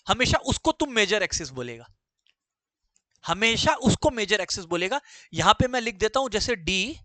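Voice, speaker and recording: A man's voice: sits high, pushed and bright, dry recording. A man teaching a maths lesson to students, repeating key phrases and firing questions at the class.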